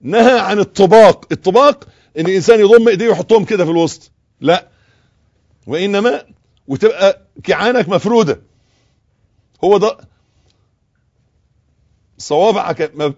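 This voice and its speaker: An Egyptian man with a slightly raised pitch gives a religious lesson, correcting how people recite and showing the right way. He often drops into slow, quiet recitation. The recording is dull and lo-fi. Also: animated. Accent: Egyptian Arabic. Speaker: religious teacher. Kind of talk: instructional talk on prayer and recitation.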